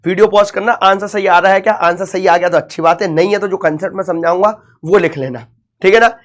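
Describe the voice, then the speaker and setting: A man's voice: high voice, fairly even intonation, quick pace. A young man teaching maths to students in a chatty, repetitive exam-prep lecture, coaxing them along. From India.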